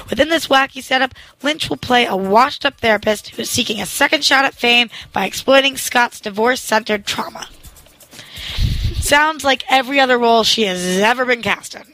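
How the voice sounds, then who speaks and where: A woman's voice: on the high side, sharp tone, no echo, poor audio. A young woman hosting a casual celebrity news chat, reading items aloud and joking at her own expense. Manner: reads news items aloud with quips, self-deprecating. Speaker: entertainment news host.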